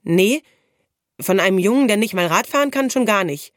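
A woman's voice: mid-range voice, animated, moderate pace, dry recording, pitched above the performer's own voice, natural voice. A woman voicing a touchy, easily flustered schoolgirl, recorded dry and close. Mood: snappy. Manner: flustered, snappy.

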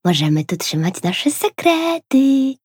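A woman's voice: high voice, big pitch swings, slow, darkish tone, slightly rough, no echo, studio quality, pitched above the performer's own voice, full character voice. A woman voicing a cheerful little girl in a storybook reading, speaking in a chatty, pleased way.

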